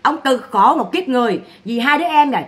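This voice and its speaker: A woman's voice: high-pitched, expressive, fast talker. A woman giving mocking, scolding gossip commentary. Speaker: online commentator.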